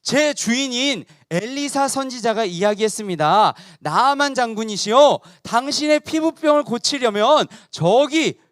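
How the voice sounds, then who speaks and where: A male servant formally announcing his master's message in a children's Bible story, played by a male preacher. He speaks in a high voice with a slow, stately delivery and a dry, close sound. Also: expressive, a bit bright, no room sound, exaggerated voice.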